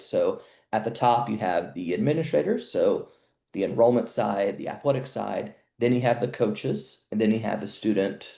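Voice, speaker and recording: A man hosting a webinar panel as an educational consultant, explaining things in a measured way over a video call. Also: mid-range voice, vocal fry, dark tone, reverberant. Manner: measured, explanatory, some restarts.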